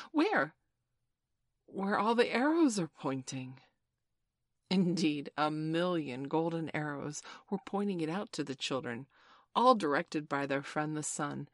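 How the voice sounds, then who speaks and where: A woman narrating a children's storybook in a measured, expressive reading voice. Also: sits low, no echo, studio quality. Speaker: audiobook narrator.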